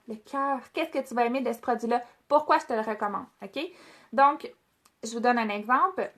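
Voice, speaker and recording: A woman's voice: high-pitched, a bit bright. Chatty Québécois woman giving a training. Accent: Québécois French. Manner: chatty, many fillers and restarts, addresses trainees directly. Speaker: product trainer. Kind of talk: casual training presentation.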